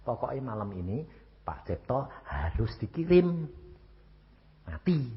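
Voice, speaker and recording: A man voicing a young male hired killer, speaking in a curt, flat way, in a hall with long reverb. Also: mid-range voice, a little slow, dull audio, pitched below the performer's own voice. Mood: blunt.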